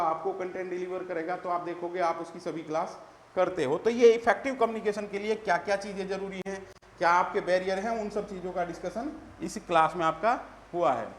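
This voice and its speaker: A man's voice: high-pitched, a little hiss or hum. Male teacher in echoey room. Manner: addresses students as "beta", repeats key terms. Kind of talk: exam-prep lecture.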